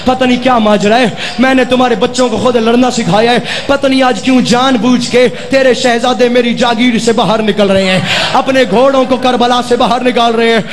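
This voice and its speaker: A man's voice: extremely high pitch, steady tone, in a large hall. A man voicing a grief-stricken man who weeps as he tells his sister what has happened to her sons, in a Muharram elegy recitation. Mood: grieving. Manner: weeping, lamenting.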